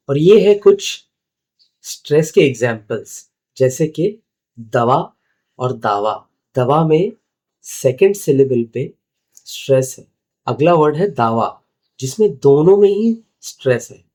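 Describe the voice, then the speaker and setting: A man's voice: a little high, mellow. A man hosting a lesson on lyric writing, counting beats aloud and explaining word stress with examples, mixing English into his talk. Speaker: lyric-writing teacher and host.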